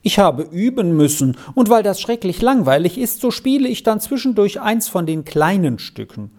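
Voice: medium pitch, big pitch swings, voice pushed up. A reader doing a chatty eager little girl. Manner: bright, talkative, quick to explain. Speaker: child musician.

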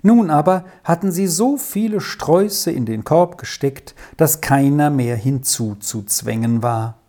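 Woman reading a children's story aloud. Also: low-pitched. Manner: expressive, measured storytelling. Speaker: narrator.

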